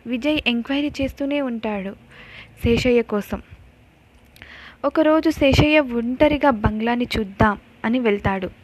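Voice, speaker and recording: A woman narrating a horror story in a steady, measured way. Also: fairly high pitch.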